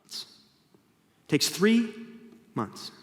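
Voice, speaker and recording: A man's voice: on the high side, sing-song, very slow, long reverb tail. A male pastor with a Canadian accent, preaching a conversational sermon and now and then acting out mocking voices. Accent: Canadian English. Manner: conversational, acts out mocking voices with sudden loud jumps.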